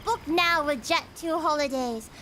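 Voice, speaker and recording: A woman's voice: high-pitched, a little slow, pushed and bright, slight background noise. A woman putting on a British accent to imitate an upbeat holiday advert. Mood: salesy. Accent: put-on British.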